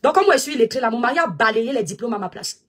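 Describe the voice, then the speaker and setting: A woman's voice: on the high side, expressive, racing, fairly bright tone. A woman delivering a combative, mocking rant aimed at a rival, taunting her and insisting over and over. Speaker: online personality answering a rival.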